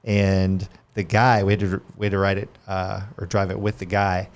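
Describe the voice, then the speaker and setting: A man's voice: deep voice, flat delivery, normal speed. A man hosting a podcast interview, chatty and restarting his phrases. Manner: chatty, repeats words when starting. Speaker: podcast host. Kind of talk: casual interview talk.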